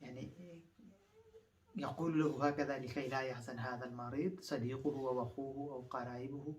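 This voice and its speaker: A male language teacher with a mid-range voice, set back from the microphone. He repeats each phrase several times, then explains it slowly and stops often on thinking sounds. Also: mid-range voice, fairly even intonation, a little mellow, far from the mic, slight background noise. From Afghanistan. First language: Pashto.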